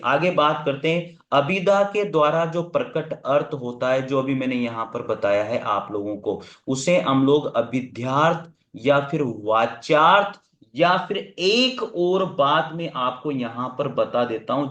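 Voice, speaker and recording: A man's voice: mid-range voice, animated, unhurried, fairly bright tone, roomy sound. A man teaching an online exam-prep class, asking and answering his own questions and repeating key terms. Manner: urgent, coaxing asides to students.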